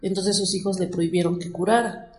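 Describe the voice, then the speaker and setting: A woman's voice: on the low side, fairly even intonation, brisk, a little mellow, faint music behind. Woman recounting a story, echoey room. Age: middle-aged. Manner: emotional, rambling, many fillers like 'este'. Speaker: guest telling a personal story. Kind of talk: casual storytelling.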